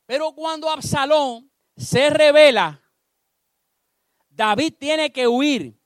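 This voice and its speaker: A man preaching a sermon, telling a story with animated delivery and acting out the characters. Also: extremely high pitch, slow, no echo, studio quality.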